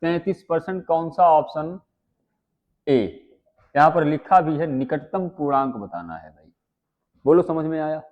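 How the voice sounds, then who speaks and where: Male maths tutor, high voice, muffled lo-fi audio, chatty and quizzing. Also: expressive. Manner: chatty, asks students quick questions. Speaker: maths teacher. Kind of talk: live online exam-prep class.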